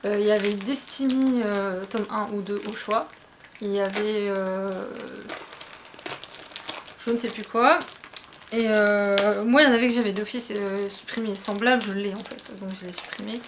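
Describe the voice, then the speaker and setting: A woman's voice: medium pitch, fairly even intonation, normal speed, background noise. A young woman chatting casually to camera while unboxing a book box at home, with lots of fillers and restarts. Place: at home, indoors.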